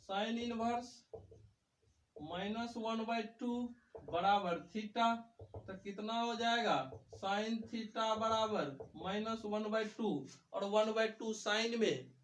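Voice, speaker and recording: High-voiced man teaching in an echoey room. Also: slow pace, a bit bright. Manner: poses questions and answers them himself. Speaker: math teacher. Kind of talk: whiteboard lecture. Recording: echoey room, mic far off.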